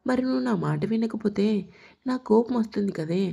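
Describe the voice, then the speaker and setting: A woman voicing a quick-tempered, commanding young man who scolds his lover, in a narrated audio story. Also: high-pitched, expressive, vocal fry, warm tone, husky, full character voice. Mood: irritated.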